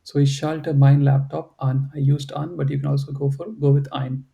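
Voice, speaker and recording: Patiently instructing an online German class by video call, this man peppers his explanations with "right" and "you know," and English is not his native language. His mid-range voice is gravelly and mellow, with little pitch movement and a moderate pace, and the audio sounds dull.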